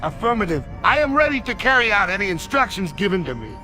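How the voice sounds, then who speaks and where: A man's voice: high-pitched, sing-song, fast, music in the background. A man voicing an obedient male robot in a cartoon, speaking in a stiff, formal, robotic and metallic manner. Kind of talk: AI-generated cartoon dialogue.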